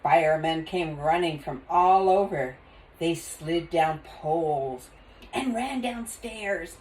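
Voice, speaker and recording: An older woman reading a children's storybook aloud in an expressive grandmotherly way. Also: sits low, slow pace.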